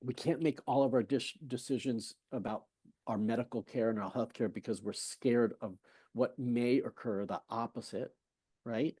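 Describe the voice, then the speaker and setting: A man's steady, mellow, slightly rough voice at medium pitch and moderate pace is heard in a dry recording. Taking the role of a fertility specialist in a podcast interview, he makes his case emphatically, uses rhetorical questions, and conversationally relays exchanges with patients.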